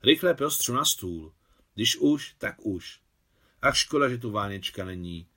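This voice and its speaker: A man reading the part of a joyful older mother in a novel, with emphatic, animated delivery. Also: lowish voice.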